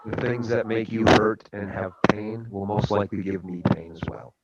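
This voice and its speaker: A man's voice: on the low side, normal speed, highs cut off, heavy background noise. A man who is a guest speaker on a radio talk show, telling a story and giving a motivational talk in an earnest way.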